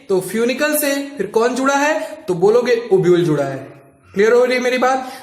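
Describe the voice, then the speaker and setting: A man's voice: very high-pitched, roomy sound. A man teaching a biology lesson, repeating points and quizzing students with questions. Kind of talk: classroom lecture.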